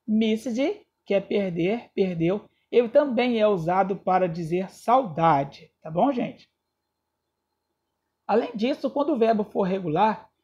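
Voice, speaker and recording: This man speaks English with a Brazilian Portuguese accent, his voice high, darkish and slightly rough, captured on lo-fi audio. He's giving a recorded grammar lesson, checking in with his students often and spelling out word endings letter by letter.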